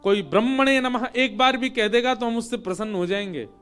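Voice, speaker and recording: A man's voice: very high voice, a little fast, a bit bright, clear, resonant tone, soft background music. A man voicing a humble male creator god who is easily pleased.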